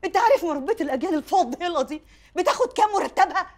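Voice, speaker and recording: Mocking Egyptian mother, rapid-fire, high voice, light music behind. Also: animated, darkish tone. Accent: Egyptian Arabic. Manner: mocking, theatrical complaining. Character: sharp-tongued mother, mocking and dramatic. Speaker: school principal, mother. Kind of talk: TV drama acting.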